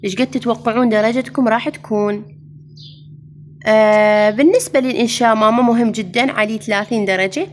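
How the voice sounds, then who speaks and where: A woman teacher with an Iraqi Arabic accent reviews exam answers in a somewhat high voice. She moves through each item patiently, asks her students questions and then answers them herself. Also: fast talker, a little hiss or hum. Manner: addresses students fondly as "mama".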